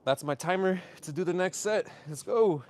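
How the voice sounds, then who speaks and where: A man with a slightly high voice streams casually during a workout. His talk is slangy and upbeat, like shout-outs to viewers, over some faint background noise. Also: normal speed. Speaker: livestreamer doing a workout. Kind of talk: casual livestream chat. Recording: clearly noisy live stream with clicks.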